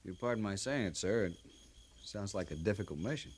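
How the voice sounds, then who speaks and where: An actor playing an earnest young cavalry lieutenant, formal and respectful, in an old-time radio western. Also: male voice, lowish voice, lively intonation, fairly quick, a little hiss or hum, close to an everyday voice.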